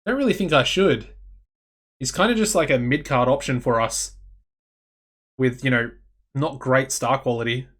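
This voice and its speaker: A man's voice: mid-range voice, normal speed, pauses often. Chatty Australian man narrating a game. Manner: chatty, excitable, thinks aloud. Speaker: gaming channel host. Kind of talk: casual game commentary.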